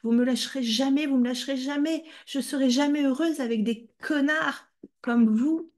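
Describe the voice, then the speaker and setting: A woman voicing a harsh, exhausted mother of five who scolds her son in coarse, drawn-out words. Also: on the high side, sing-song, pitched above the performer's own voice. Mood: despairing.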